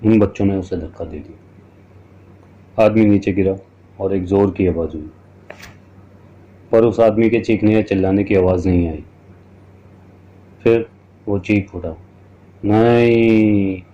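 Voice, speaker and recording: A man's voice: sits low, measured pace, pauses often, warm tone. A man giving a dramatic, scripted first-person horror narration. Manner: dramatic, storytelling. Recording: dull lo-fi recording.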